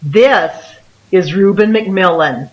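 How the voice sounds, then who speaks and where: A woman voicing a female library director who calls out to calm a panicked crowd. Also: mid-range voice, slow pace, muffled recording, natural voice. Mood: explaining. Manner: pleading then explaining firmly.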